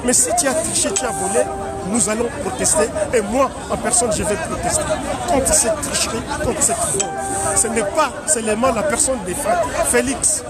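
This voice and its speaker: A man's voice: very high-pitched, expressive, normal speed. A Congolese man, a community political leader, answering a street interview at a protest march and stressing his points with repeated lists. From Congo (DRC). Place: outdoor street march in Paris. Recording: noisy crowded outdoor street recording. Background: loud chanting crowd and street noise.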